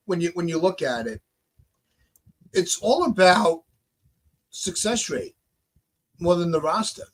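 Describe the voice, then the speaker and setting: A man's voice: on the high side, poor audio. Emphatic man hosting a sports podcast. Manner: animated, blunt and emphatic. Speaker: podcast host. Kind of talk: casual sports talk.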